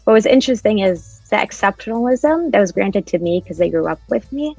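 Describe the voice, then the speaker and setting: A woman in her thirties from New Jersey, in the United States, tells personal stories as a panelist in an online discussion, soft-spoken and saying "like" often. Her mid-range voice is gravelly and husky, a little fast, with lively intonation. The dry, lo-fi recording has faint music behind it.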